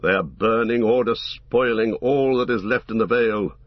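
A man's voice: lowish voice, normal speed, no echo, lo-fi sound, lightly acted. A man voicing a stern male warrior captain with a commanding, raised delivery.

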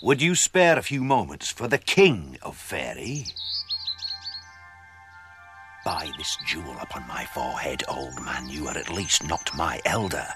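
An actor playing a quiet male apprentice who turns out to be a stern fairy king, speaking in measured, reproachful tones. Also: a bass voice, very animated, music in the background. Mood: commanding. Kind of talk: radio drama acting.

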